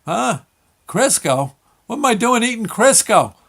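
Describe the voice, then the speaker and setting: A man voicing a small boy who whines and sputters in a high, panicked voice. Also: very animated, a little slow, creaky, a bit bright, heavily acted. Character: small boy spitting out a bad mouthful.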